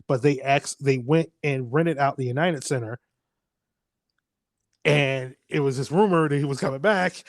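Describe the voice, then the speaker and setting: A man's voice: mid-range voice, measured pace, dry recording. A man, hosting a casual podcast chat, rambling, laughing often and swearing freely. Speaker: podcast host.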